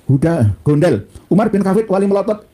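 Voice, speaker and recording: Reading from a book and critiquing it, this Islamic cleric lectures informally and satirically, peppering in rhetorical questions and Arabic quotes. He's male with a Javanese Indonesian accent, and his high-pitched, mellow voice moves quickly and sounds very animated.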